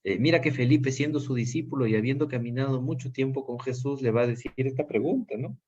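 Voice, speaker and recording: Man, Peruvian Spanish accent, Bible class teacher, earnest, halting, dull lo-fi sound. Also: medium pitch, darkish tone, breathy edge. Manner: earnest, many fillers and restarts. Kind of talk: Bible study lesson.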